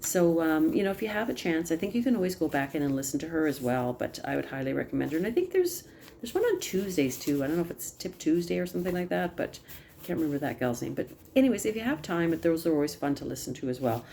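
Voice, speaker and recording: A woman with a low, mellow voice talks her sales team through a casual update over a video call. She rambles a little, full of ums and restarts. A faint hum of the room sits behind her. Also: sing-song, vocal fry. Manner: chatty, many ums and restarts, apologizes for talking fast. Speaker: team leader of direct sales consultants.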